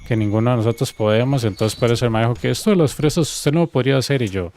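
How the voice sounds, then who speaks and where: Costa Rican guy on a game stream, mid-pitched voice, retells drama and acts out the other people's lines. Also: fast. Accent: Costa Rican Spanish. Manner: animated storytelling, acting out quoted dialogue. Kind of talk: casual gaming stream chat.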